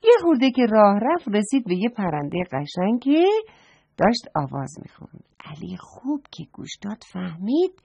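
A woman reading a children's story aloud and gently speaking to the children listening, on a dull lo-fi recording. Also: fairly low pitch, creaky, breathy edge, no echo. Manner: gentle, addresses children directly.

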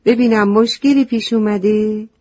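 A woman voicing a wise old hoopoe bird who speaks calmly and in a measured way, in a storybook reading. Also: mid-range voice, no echo, voice pushed up, natural voice. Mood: kind. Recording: slightly muffled lo-fi recording.

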